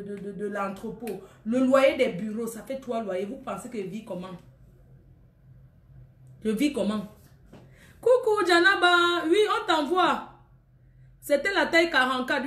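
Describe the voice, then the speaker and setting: High-voiced woman scolding her live viewers. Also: roomy sound. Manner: scolding, teasing, laughing. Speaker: online clothing seller on live stream. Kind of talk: casual live-stream chat with viewers.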